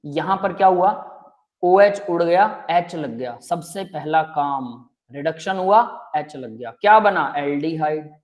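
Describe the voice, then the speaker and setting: A man's voice: a little high, lively intonation, measured pace. Man teaching chemistry in a live class. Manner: explains step by step, keeps asking students if it is clear; addresses students as beta and bhai. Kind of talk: live online class lecture.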